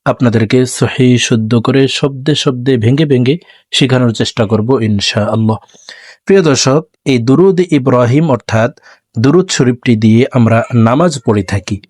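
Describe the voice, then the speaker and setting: A man teaching Quran pronunciation, breaking words into syllables and chanting them slowly for viewers to repeat. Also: medium pitch, a little mellow, no room sound, studio quality. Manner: slow drawn-out chanting of words for repetition; instructive, addresses viewers directly. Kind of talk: recitation lesson.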